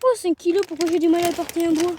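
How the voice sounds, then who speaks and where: High-voiced chatty teen girl. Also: fairly even intonation, fast, background noise. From northern France. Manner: rambling, chatty, often trails off and restarts. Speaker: vlogger. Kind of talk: casual vlog. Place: outdoor garden by a chicken coop.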